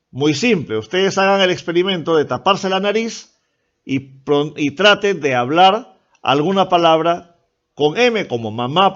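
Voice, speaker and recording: A Peruvian man teaching a lecture-style class with a voice that sits a little high. He explains step by step and keeps checking with "¿no?". The recording sounds dull and lo-fi. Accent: Peruvian Spanish. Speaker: language teacher.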